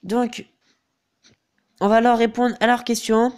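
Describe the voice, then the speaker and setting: This gaming YouTuber is a teenage boy with a head cold, walking through a game tutorial over screen footage. His voice is very high, slow, fairly flat in pitch, and darkish yet clean. He stumbles often and leans on fillers, especially a repeated "donc voilà."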